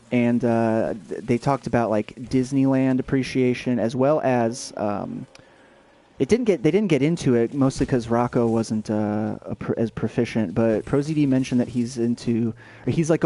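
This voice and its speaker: A man's voice: mid-range voice, mellow. A young adult man streaming a video game, chatting casually and rambling with lots of fillers and restarts. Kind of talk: casual let's-play chat.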